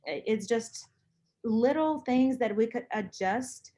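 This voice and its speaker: A woman's voice: on the high side, slow pace, dark tone. A woman from Lithuania, speaking casually and earnestly, with emphatic repetition. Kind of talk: casual conversation about personal views.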